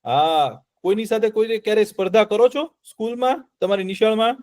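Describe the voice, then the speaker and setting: A man tells a children's story. He is animated and keeps checking in with his young listeners through questions. His voice is high for a man. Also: fairly quick.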